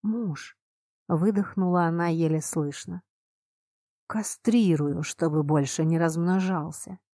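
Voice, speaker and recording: A woman with a lowish voice reads a first-person fantasy audiobook, expressive and emphatic. The sound is dry and close, with no room around it. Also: no room sound. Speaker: audiobook narrator.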